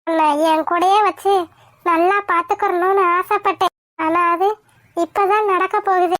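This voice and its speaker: A fussy old cartoon grandmother scolds and pleads through tears, voiced by a woman. Her voice sits strikingly high and shrill. The sound is dry and close. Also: steady tone, a little slow, a bit bright, dry recording. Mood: pleading. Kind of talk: cartoon voice acting.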